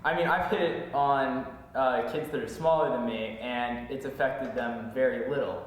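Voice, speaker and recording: A man's voice: medium pitch, fairly even intonation, normal speed. A man co-hosting a podcast, giving his opinions in casual chat. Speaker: podcast co-host. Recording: very echoey room.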